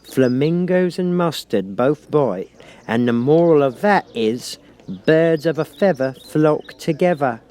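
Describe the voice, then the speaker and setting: Old Duchess, acted by a man, storybook character, raised pitch, animated intonation, gushing, pompous, moralizing, cloying. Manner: cloying, pompous, drawn-out exclamations. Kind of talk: audiobook character voice.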